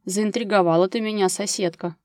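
A woman reading the part of a gruff, blunt grown man, a practical neighbor who talks in a curt, businesslike way, in a dry recording of an audiobook. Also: mid-range voice, steady tone, a little fast, a little mellow, no echo, natural voice.

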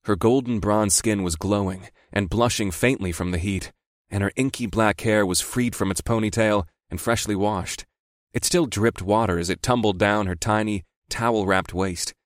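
A man's voice: on the low side, normal speed, no room sound, clean studio sound. A man narrating a first-person story in a wry, sardonic manner. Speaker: audiobook narrator.

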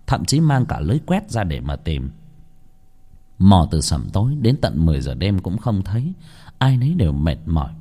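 A man narrates a village ghost story in a dramatic, expressive way. His voice sits low but rises and falls widely. The telling is scripted and paced for suspense.

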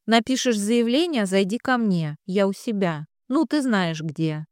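A woman's voice: mid-range voice, lively intonation, measured pace, darkish tone, smooth, no room sound, studio quality, natural voice. A woman voicing a male police detective who talks matter-of-factly and wryly, explaining a case. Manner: matter-of-fact, lecturing, wry. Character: gruff male police captain, sardonic, world-weary.

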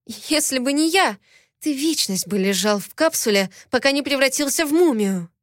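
A woman's voice: expressive, a little fast, no room sound, clean studio sound. A woman doing a flustered young female mechanic. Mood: indignant. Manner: high, flustered, indignant.

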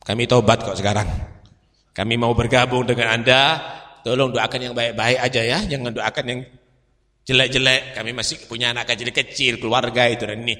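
A man voicing frightened street thugs who beg a cleric to take back his prayer, in a lower voice. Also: level tone, brisk, pushed and bright, close to an everyday voice. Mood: pleading. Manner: pleading, anxious. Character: frightened repentant male street thugs pleading. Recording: long hall reverb.

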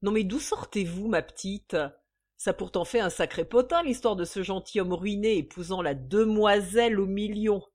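A woman's voice: mid-range voice, normal speed, close to an everyday voice. A woman reading a novel aloud, voicing a brash, mocking young demimondaine. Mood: gleeful. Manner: loud, mocking, slangy.

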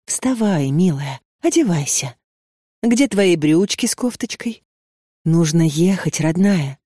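A reader doing a whispering, wheedling stout aunt. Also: female voice, lowish voice, animated, slow pace, dry recording, clean studio sound. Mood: coaxing. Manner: hushed whispering, wheedling endearments. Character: stout middle-aged aunt, coaxing and pushy.

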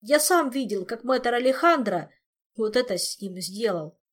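A woman's voice: fairly high pitch, animated, moderate pace, pitched above the performer's own voice. A woman reading an audiobook, voicing a sniffling young man who snaps back sullenly. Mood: sulky.

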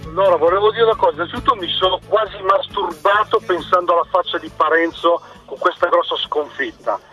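A man's voice: sits high, fairly quick, bright, forceful tone, faint music behind. A man from northern Italy calling a radio show by phone from a parked car, ranting indignantly. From Monza, northern Italy. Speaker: caller. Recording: dull dry phone line.

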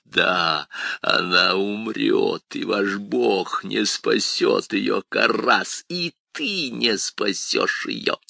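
A man reading an audiobook voices a menacing demon that mocks in a slow, gloating drawl. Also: on the low side, vocal fry, sharp tone, no echo, exaggerated voice. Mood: taunting.

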